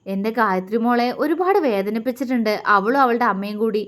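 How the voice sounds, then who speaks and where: A gentle middle-aged mother from a storybook, grieving and soft-spoken, her pleas close to tears, as a woman storyteller puts her on. Her voice sits fairly high. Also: brisk, lightly acted. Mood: sorrowful. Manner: soft, tearful pleading.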